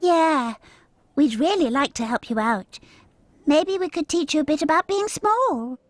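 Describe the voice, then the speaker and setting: A woman's voice: high-pitched, animated, a little slow, no room sound. A woman voicing a kind, sympathetic little bug in a cartoon.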